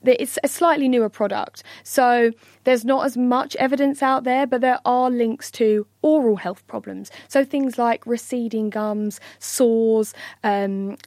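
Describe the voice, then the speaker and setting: A woman's voice: on the high side, fairly even intonation, unhurried, a little mellow, no echo. A woman, a health reporter, explaining things in a chatty way with fillers in a studio interview. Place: radio studio.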